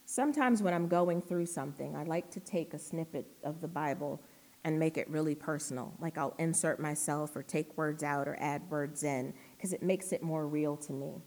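A middle-aged woman preaching a sermon in an earnest way, reading scripture slowly and emphatically. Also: low-pitched, a little mellow. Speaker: lay preacher giving the sermon.

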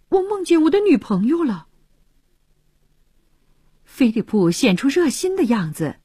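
Very husky woman reading a slow story. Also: mid-range voice, no echo, studio quality. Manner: expressive storytelling, often dropping to a hushed voice. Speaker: narrator. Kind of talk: serialized radio story reading.

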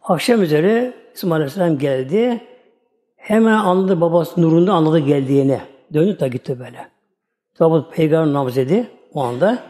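A man with a high, mellow voice gives a storytelling religious talk as a teacher. He retells the tale in a folksy, homely way and keeps circling back over the same points. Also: lively intonation, a little fast.

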